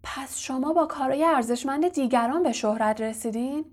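A woman's voice: fairly high pitch, darkish tone, natural voice. A woman voicing an earnest, indignant teenage boy wizard confronting his teacher. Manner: earnest and accusing.

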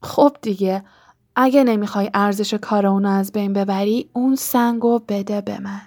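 A woman voicing a cold, menacing serpent-faced dark lord in a hissing whisper, in a storybook reading. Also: mid-range voice, steady tone, close to an everyday voice. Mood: mocking.

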